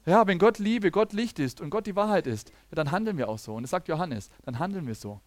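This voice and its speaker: A man giving a teaching sermon, talking lively, often checking in with listeners and acting out the people he quotes, with frequent restarts. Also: sits high, fast talker, no echo. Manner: restarts sentences and acts out quoted speakers. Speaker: preacher.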